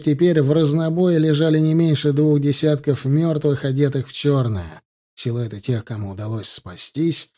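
A man narrating an audiobook in a steady, measured storytelling voice. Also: on the high side. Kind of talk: scripted narration.

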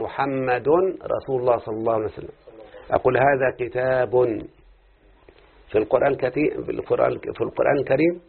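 A man's voice: medium pitch, vocal fry, breathy edge. A man teaching Arabic grammar, often quizzing his students with questions. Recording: tinny phone-like recording.

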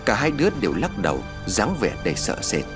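A man narrating a ghost story in a dramatic, expressive reading style. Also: fairly low pitch, a little fast, music in the background. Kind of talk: scripted narration.

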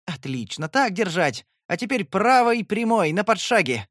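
Man voicing a female inner voice, sarcastic, gloating, teasing, high. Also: big pitch swings, moderate pace, no room sound, clean studio sound. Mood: mocking.

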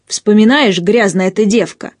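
A brutish young man who rages at his family, put on by a woman narrating an audiobook. He barks his words loudly and with contempt, close and dry. His pitch sits in a middle range. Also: a little slow, dry recording, close to an everyday voice. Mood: menacing. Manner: harsh, shouting, contemptuous. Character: brutish bullying young man, quick to rage. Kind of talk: audiobook character voice.

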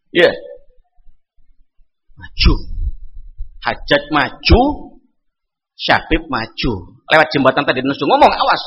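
A high, bright male preacher, telling a story in a lively, animated way. His pitch swings widely as he acts out the dialogue. His voice carries a long reverb, like a big hall. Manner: animated, acts out dialogue, mixes in Javanese phrases. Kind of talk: sermon storytelling.

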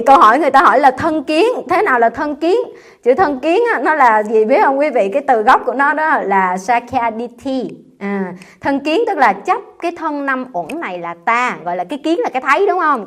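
A Buddhist nun with a lilt teaches a sutra class in a chatty, lively way. She keeps asking her listeners questions and answers them herself, with an animated, swinging pitch. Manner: lively, conversational, quizzing listeners with rhetorical questions. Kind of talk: dharma talk to a live audience.

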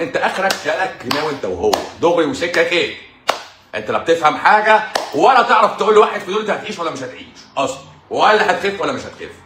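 An Egyptian man talks fast in a casual live-stream monologue, mocking his critics and hammering his points home by repeating them. His voice echoes around a bare room, with a faint hum of noise underneath. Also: on the high side, pushed and bright. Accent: Egyptian Arabic. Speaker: doctor hosting a live stream.

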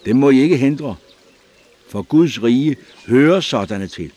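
A man voicing a solemn, gentle but stern prophet in an audiobook, declaiming slowly. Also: on the low side, husky.

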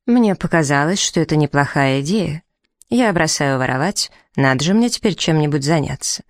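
A woman reading the part of a charming, roguish nobleman who speaks with smooth, mocking irony. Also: sits low, animated, normal speed, no room sound. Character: charming roguish nobleman, ironic former thief.

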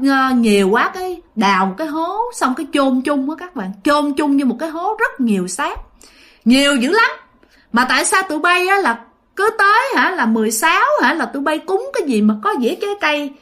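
A woman voicing an angry, hungry male ghost of dead soldiers who speaks through a possessed woman and makes loud threats. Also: high voice, pitched above the performer's own voice.

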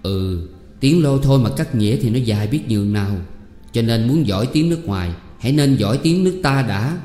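A puzzled mother , read by a man, questions her son and mildly reproaches him. The voice is dark and mellow. It sounds roomy, with a long reverb and faint music underneath. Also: mid-range voice, expressive, brisk, lightly acted. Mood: agreeing. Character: puzzled, gently scolding mother.

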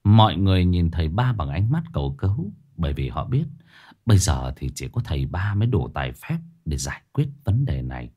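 A man's voice: sits low, sing-song, brisk, warm tone, breathy edge. A man narrating a ghost story dramatically.

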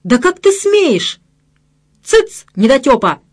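A woman's voice: very animated, takes it slowly, full character voice. A woman voicing a brutish, ugly male extremist who rants in a sepulchral, pompous voice. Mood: bombastic threatening. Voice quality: sepulchral booming voice. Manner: pompous bombastic ranting.

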